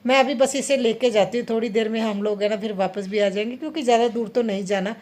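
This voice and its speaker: Woman in her thirties, home vlogger, chatty and direct with viewers, a touch high-pitched, filmed on a phone in her kitchen. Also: fairly even intonation, quick pace, a little mellow. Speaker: vlogger mother. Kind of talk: casual vlog narration.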